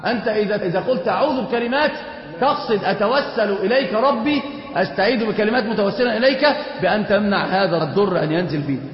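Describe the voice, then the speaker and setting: An Islamic teacher gives a fast-paced classroom lecture on creed in a high-pitched voice, questioning his students and answering himself. The echoey hall and dull lo-fi sound color the recording.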